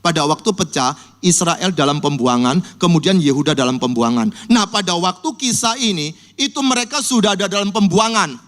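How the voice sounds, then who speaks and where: A male pastor preaching a sermon, telling Bible stories vividly and acting out people's cries for help in a high voice. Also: brisk. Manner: lively storytelling, acts out cries in a high voice. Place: church.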